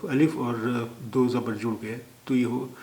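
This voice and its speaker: A man's voice: mid-range voice, fairly even intonation, mellow. Patient male tutor with a Hindustani accent, repeating each word, recorded in an echoey room. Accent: Indian Hindustani. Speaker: language teacher. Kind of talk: slow explanatory lesson.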